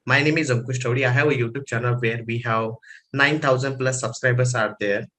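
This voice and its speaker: Halting Indian man hosting online training. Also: medium pitch, fairly even intonation, bright, forceful tone. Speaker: host introducing an online training session. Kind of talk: informal online presentation. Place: online conference call.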